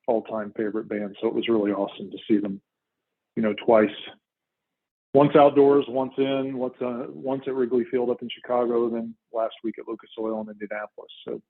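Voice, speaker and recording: An American man in his fifties chatting casually as a podcast guest, polite and self-effacing. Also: lowish voice. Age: 50s. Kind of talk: casual chat. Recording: slightly dull, lo-fi sound.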